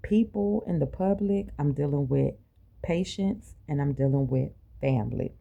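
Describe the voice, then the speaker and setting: A woman's voice: deep voice, normal speed, gravelly, dark tone, dull audio. A woman delivering an impassioned personal monologue in colloquial, informal phrasing, emphatic and full of rhetorical questions. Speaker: medical clinic worker.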